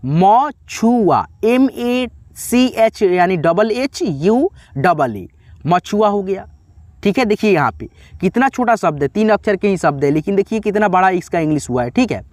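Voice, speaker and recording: Man, high voice, dry close sound, patient spelling lesson. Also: dry recording. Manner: patient, repetitive teaching, frequent "theek hai". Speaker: English teacher.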